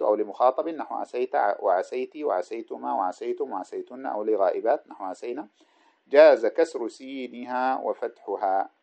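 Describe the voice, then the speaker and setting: Brief: male grammar teacher, quick delivery, quizzes his students rhetorically, slightly muffled lo-fi sound. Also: medium pitch, a little mellow. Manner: explains with frequent rhetorical questions to students; reads a text aloud, then comments on it. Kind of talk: classical Arabic grammar lesson.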